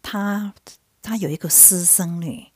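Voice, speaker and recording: A woman's voice: fairly low pitch, a little slow, darkish tone, husky, no echo. Chatty woman retelling a story, dry close sound. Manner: loose, chatty retelling with many fillers, acting out quoted lines. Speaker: podcast host. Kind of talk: casual storytelling, retelling a musical's plot.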